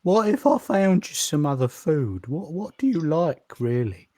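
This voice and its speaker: A man's voice: a little high, very animated, unhurried, mellow. A man playing a tabletop game, talking casually in character with a wordy, hesitant, mock-polite manner.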